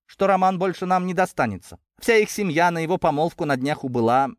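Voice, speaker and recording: A man's voice: fairly high pitch, brisk, no echo, studio quality, voice pushed up, lightly acted. A man voicing Kristina, a jealous, spiteful young noblewoman, in a sneering, mocking tone for an audiobook. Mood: resentful. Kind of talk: audiobook character voice.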